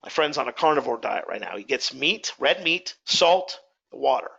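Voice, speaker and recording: A man's voice: medium pitch, animated, normal speed, gravelly, pushed and bright, husky, muffled recording. A man hosting a motivational webinar, talking conversationally and putting direct questions to his audience. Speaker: webinar host.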